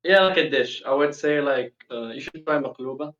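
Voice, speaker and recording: A young man born and raised in the UAE, Palestinian, speaking casually as a guest over a video call, slangy and quick in bursts. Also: mid-range voice, a bit bright, highs cut off.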